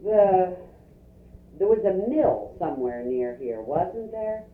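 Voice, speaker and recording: Female interviewer, informal questioning, animated intonation, roomy and faintly noisy field recording. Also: on the low side, slow pace. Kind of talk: informal oral history questioning. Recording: tinny, roomy, distant, noisy field tape.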